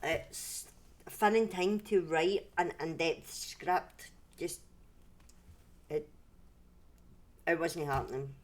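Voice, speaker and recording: This woman's voice sits low, and she talks slowly with frequent pauses. A Scottish livestream host and storyteller indoors at home, she keeps things conversational and rambling, often stopping mid-sentence to start again.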